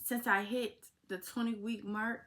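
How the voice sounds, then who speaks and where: A woman's voice: mid-range voice, level tone, a bit bright. An eighteen-year-old woman talking casually to her viewers in a heartfelt vlog Q&A, calling them y'all. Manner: talks slowly, informal and heartfelt, addresses viewers as y'all. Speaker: vlogger. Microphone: phone.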